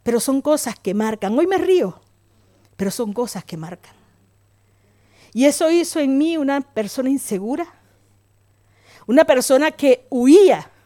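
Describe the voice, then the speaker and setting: High-voiced woman preaching with dramatic swings. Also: expressive, no echo, clean studio sound. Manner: storytelling, acts out quoted voices; swings from loud emphasis to soft, slow murmurs. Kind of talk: sermon.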